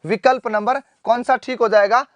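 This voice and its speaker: A male teacher runs a live online class, quizzing students, repeating each answer and calling them "beta". He clears his throat often. The sound is close and dry. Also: extremely high pitch, steady tone, normal speed, no room sound. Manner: addresses students fondly as "beta". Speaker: Hindi teacher.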